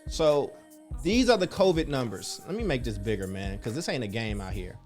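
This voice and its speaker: Born in the Chicago area and raised in Oakland, a man hosts a casual virtual happy hour livestream, reading comments and talking in an emphatic, slangy way. His voice is medium-pitched, expressive and darkish at normal speed, with faint music behind him.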